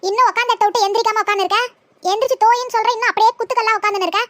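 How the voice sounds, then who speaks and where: A bossy old mother-in-law, played by someone in a comedy skit with a shrill, very high voice. She nags and rattles off her complaints at a rapid clip. The sound is close and dry. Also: fairly even intonation, fairly bright tone, no echo. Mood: scolding.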